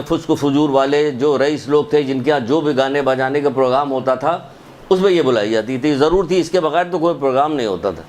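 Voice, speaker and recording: A man giving a religious sermon, telling a story, repeating points and asking rhetorical questions. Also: fairly high pitch. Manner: emphatic, repetitive, rhetorical questions. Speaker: religious lecturer.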